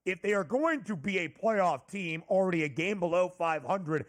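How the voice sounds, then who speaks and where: A high-voiced man hosts a sports betting talk, briskly reeling off odds and team records. He steers the chat and puts questions to his co-host. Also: animated. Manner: brisk, numbers-heavy analysis, leading the questions.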